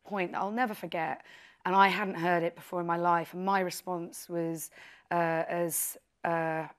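A woman's voice: fairly low pitch, little pitch movement, unhurried, clean tone. A woman in her forties, a podcast host on a panel at an industry event, speaking in a heartfelt, flowing way.

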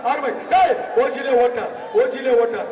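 Man shouting through an arena loudspeaker. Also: very high-pitched, normal speed, lo-fi sound, a little hiss or hum. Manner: excited, shouting, repeating short cries. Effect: heard through a public-address loudspeaker. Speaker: bull-taming event announcer. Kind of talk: live commentary over loudspeaker. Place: open-air arena with a large crowd. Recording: echoing loudspeaker from far off over crowd.

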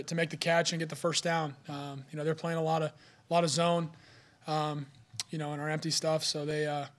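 Here's a college quarterback, a young man, taking postgame questions in a press room with a sponsor backdrop behind him. Speaking into a podium mic with a fairly high pitch, he keeps a steady, quick pace and sprinkles "you know" everywhere.

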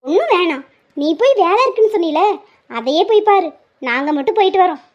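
A woman with a very high voice doing cartoon character voices. She scolds and orders others around in a bossy tone. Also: very animated, fairly quick, muffled recording. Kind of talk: cartoon story voice acting.

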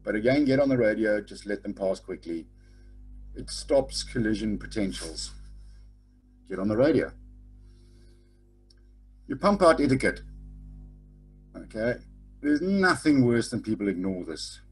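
Faint music plays behind a middle-aged man teaching sailing via webcam on a video call. He is blunt and laid-back, peppering his points with "okay?", in a lowish, sing-song, slightly rough voice that moves a little slowly and pauses often.

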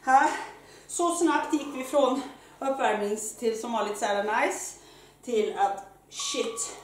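Breathless high-voiced woman fitness coach. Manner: energetic, loud exclamations while exercising. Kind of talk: live workout instruction. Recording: very echoey room, mic far off, faint noise.

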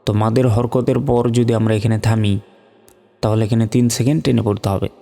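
A man teaching Quran recitation step by step, spelling out letters and vowel marks, then chanting the words slowly and drawn out. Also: on the low side, fairly even intonation, vocal fry, warm tone, long reverb tail, faint music behind.

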